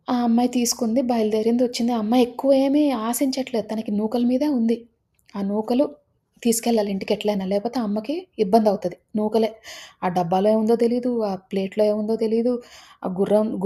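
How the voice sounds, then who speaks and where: Woman storyteller, mellow, husky, lively folk tale telling, voices for the characters. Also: mid-range voice.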